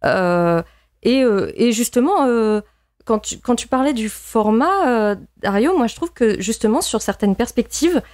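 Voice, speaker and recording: In a casual discussion about film, a woman is analytical and opinionated, often repeating words as she works out her point. Her voice sits on the high side, a little mellow, unhurried and lively in intonation, with studio-quality sound and no echo.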